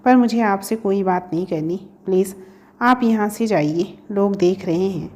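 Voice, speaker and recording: A woman's voice: medium pitch, normal speed, darkish tone, lightly acted. A woman reading a storybook, voicing a shy young female student who teases the man she loves. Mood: curt. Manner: shy, teasing.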